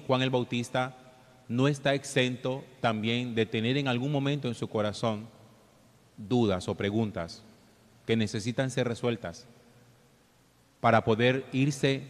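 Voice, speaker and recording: Priest in a cathedral echo, measured and solemn. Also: male voice, mid-range voice. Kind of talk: Gospel reading and homily. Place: large church interior. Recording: echoing cathedral-like hall, long reverb.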